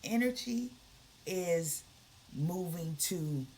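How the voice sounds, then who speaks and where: Woman host of a spiritual livestream, swooping expressive delivery, casual and repetitive, slips into soft whispered guidance. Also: fairly low pitch, very slow, a little hiss or hum. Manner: animated, colloquial, repeats key phrases; guides breathing softly, drops to near whispers.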